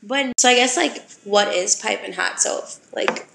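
A woman's voice: mid-range voice, a little slow, creaky, roomy sound, noisy background. A young woman from Wisconsin co-hosting a casual podcast, chatty and full of fillers. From Wisconsin, USA. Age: young adult. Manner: chatty, filler-heavy, giggly. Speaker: podcast co-host. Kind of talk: casual chat.

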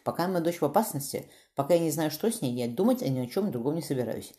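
A woman's voice: low-pitched, animated, fast, warm tone. A woman voicing a worried, indignant mother in an audiobook story, speaking sharply.

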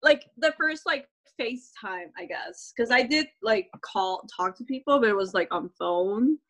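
Young woman, high voice, slow unhurried friend, laughs easily. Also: animated, fairly bright tone. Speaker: interview guest and friend. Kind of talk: casual conversation.

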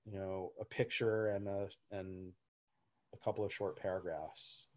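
A man with a fairly low voice talks casually as a guest, explaining his ideas in a roundabout, halting way. He keeps circling back with fillers and restarts as he works out what he means. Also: fairly even intonation. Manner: rambling, many fillers and restarts. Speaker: gym owner, guest. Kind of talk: casual interview talk.

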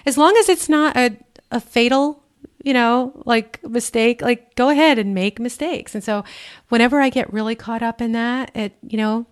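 A woman's voice: on the high side, normal speed, clear, resonant tone. A woman hosting a casual interview, telling stories in a chatty, rambling way full of fillers. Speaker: podcast host, interviewer.

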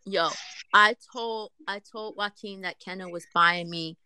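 A woman's voice: medium pitch, fairly even intonation, a little slow, pushed and bright, smooth, no room sound. A woman in casual chat, telling candid stories and swearing freely. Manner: candid storytelling with lots of swearing.

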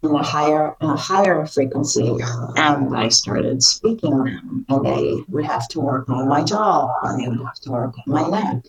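A woman's voice: sits low, animated, moderate pace, gravelly, crowd noise. Woman spirit channeler talking, distant mic. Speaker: spirit channeler, interview guest. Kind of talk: casual personal storytelling about channeling.

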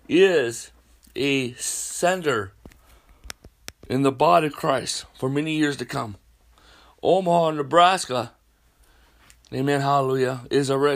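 A middle-aged man from the United States preaching a prophetic sermon as a podcast host, in a declamatory, repetitive manner punctuated with amens and hallelujahs. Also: mid-range voice.

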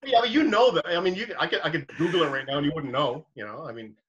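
A man co-hosting a podcast in a casual, jokey chat, animated and self-deprecating. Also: fairly high pitch, fast, a little hiss or hum. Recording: dull lo-fi sound.

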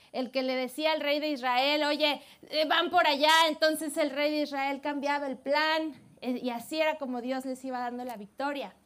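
A woman preacher retelling a Bible story in a lively, animated way, laughing often as she talks to her church. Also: high-pitched. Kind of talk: sermon storytelling.

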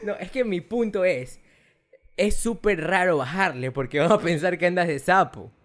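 An Ecuadorian man in his young adult years tells a story on a casual podcast. His voice sits a little high and swoops a lot as he laughs and mimics others. He has a chatty, animated manner. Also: moderate pace. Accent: Ecuadorian Spanish. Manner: animated, laughs often, acts out quoted voices. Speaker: podcast co-host.

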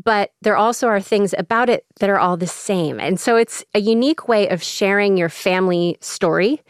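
A woman's voice: medium pitch, normal speed, clear, resonant tone, dry recording, studio quality. A woman from the Midwest with a Chicago accent, chatting enthusiastically as a cookbook author in a radio interview. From American Midwest. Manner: enthusiastic, chatty, laughs often.

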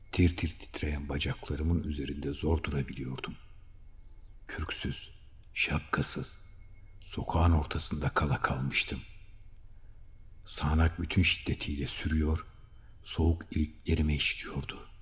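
An audiobook narrator with an extremely deep voice tells a first-person story in a measured, dramatic manner, though his delivery is flat. A long hall reverb rings through his reading.

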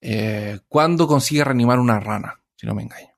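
Speaking fairly quickly with vocal fry at a medium pitch, a man recounts a myth conversationally. His telling wanders, packed with fillers and restarts, and he keeps correcting himself.

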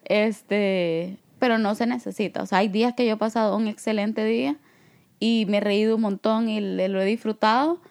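A woman with a Salvadoran Spanish accent co-hosting a podcast in easy, talkative conversation. She is relaxed, fills her sentences with small fillers and laughs, and her pitch sits in the middle of the usual range. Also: normal speed, gravelly, smooth. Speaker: podcast co-host. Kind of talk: casual chat.

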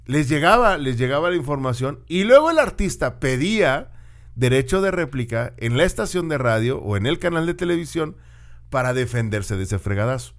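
A middle-aged man with a Mexican Spanish accent gives a relaxed, conversational monologue at an average pitch. He sounds like a seasoned media commentator and teacher. He often slips into other voices to act out bits of dialogue. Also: normal speed. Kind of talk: casual monologue to camera.

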